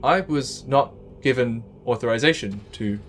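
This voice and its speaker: A man voicing a calm, rule-bound factory AI in a tabletop game, speaking in a smooth, formal, machine-like way. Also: mid-range voice, moderate pace, lightly acted. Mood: flat. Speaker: game master.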